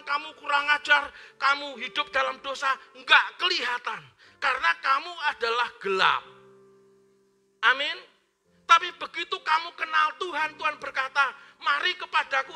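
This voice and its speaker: A man preaching a sermon in church, speaking loudly and forcefully and calling on the congregation to repeat his words. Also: extremely high pitch. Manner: loud forceful preaching with call-and-response prompts. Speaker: pastor. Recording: live-streamed church service with faint music.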